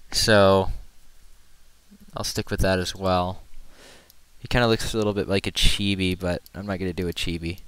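A man's voice: low-pitched, a bit bright, clean tone, no room sound. A man casually talking through a drawing as he works, rambling and poking fun at himself, humming now and then. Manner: rambling and self-deprecating, hums to himself while working. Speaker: artist narrating his drawing. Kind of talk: casual screen-recorded drawing commentary.

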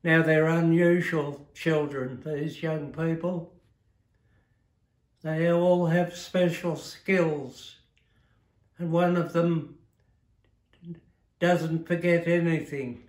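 A man in his nineties with an Australian accent, reminiscing slowly about his life in an interview, often stopping to correct himself. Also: on the high side, steady tone, echoey room. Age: 90s. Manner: measured, halting, frequent self-corrections. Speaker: retired teacher and author interviewed. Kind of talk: slow reflective reminiscing. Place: living room of an aged-care home, seated in armchair.

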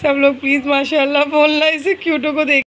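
A woman's voice: sits high, flat delivery, brisk, fairly bright tone. A young woman chatting casually in a family vlog, affectionate and often laughing. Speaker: vlogger.

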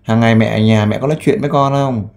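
A man who works as a volunteer interviewer. He asks gentle, coaxing questions and makes an earnest appeal with frequent fillers. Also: mid-range voice, fairly even intonation, fast talker, creaky, a little hiss or hum. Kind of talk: on-the-spot interview and appeal to camera.

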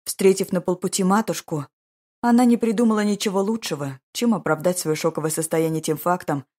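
A woman narrating an audiobook in a slow, even, measured reading style. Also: fairly low pitch. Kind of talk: scripted narration of a romance novel.

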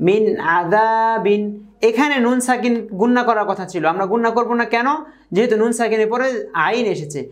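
A woman teaching Quran reading at a whiteboard. She spells out syllables slowly, repeats each example, and often checks in with her viewers. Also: medium pitch. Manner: checks in with listeners by asking "okay?"; addresses viewers formally. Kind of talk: whiteboard lesson.

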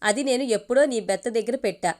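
A woman's voice: fairly high pitch, fast talker, darkish tone, natural voice. A woman reading the part of a young man's easygoing friend, casual and joking. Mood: teasing.

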